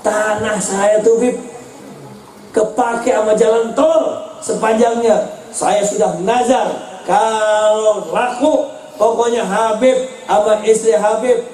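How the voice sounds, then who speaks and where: A humble, grateful male student pleads earnestly with his teacher, as a preacher puts him on in a sermon. His voice is raised higher than the preacher's own. It rings through a roomy hall from a distant mic. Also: fairly even intonation, slow pace, mellow, a little hiss or hum.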